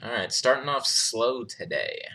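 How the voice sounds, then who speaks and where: A young man hosts a live stream from his home setup, talking in an easygoing way and reading out the chat. His voice is bright and forward at a middle pitch, with frequent little laughs. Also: very animated, measured pace. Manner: laid-back, chuckles often, reads chat aloud.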